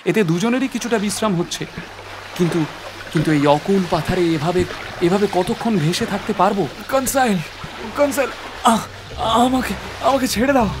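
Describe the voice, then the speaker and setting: Man acting an earnest professor, dramatic, highish voice. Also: background noise, natural voice. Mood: exhausted, pleading. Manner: dramatic, halting, with repeated words. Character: earnest male professor, weary shipwreck survivor narrating his ordeal. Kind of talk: dramatised first-person story narration.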